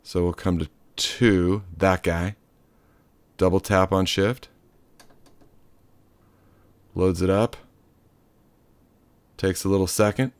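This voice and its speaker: A man's voice: low-pitched, steady tone, slow pace, long pauses, clear, resonant tone, no echo. A man giving a loose, chatty hands-on synth tutorial, cracking offhand jokes and the odd swear word. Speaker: synth module demonstrator.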